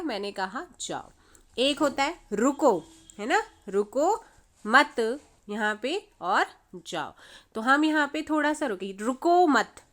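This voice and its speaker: A woman with a medium-pitched, pushed and bright voice teaches an exam-prep grammar lesson. She mixes English words into her speech and quizzes viewers, repeating her own questions and then answering them herself.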